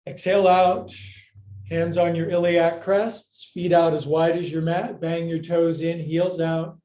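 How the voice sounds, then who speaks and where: A man's voice: a little high, flat delivery, unhurried, dark tone. A man teaching a live yoga class, cueing moves with playful jokes and counts. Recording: echoey room.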